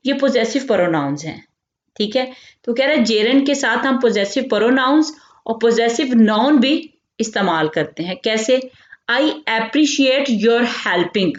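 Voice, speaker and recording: A woman teaching English grammar, reading out example sentences deliberately and then quizzing herself with a question and its answer. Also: medium pitch. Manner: asks quiz questions and answers them herself. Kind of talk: explanatory grammar lesson. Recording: roomy, dull lo-fi recording.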